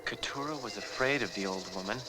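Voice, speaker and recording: A man narrating a scripted fairy tale as a measured storyteller. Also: lowish voice, over music, low-quality recording.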